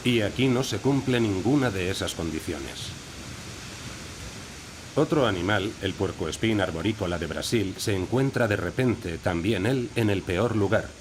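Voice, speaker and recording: Narrating a nature documentary from a script, a man speaks in an expressive, lowish voice at a measured pace. Rainforest sounds of crickets, insects and wildlife run beneath his voice.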